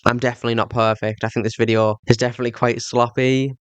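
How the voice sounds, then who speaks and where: A Yorkshire host with a thick accent talks fast and flat in a clear, resonant, medium-pitched voice. His scripted commentary on a game retrospective gives way to casual thanks for viewers. There's no echo, though the microphone is a cheap one.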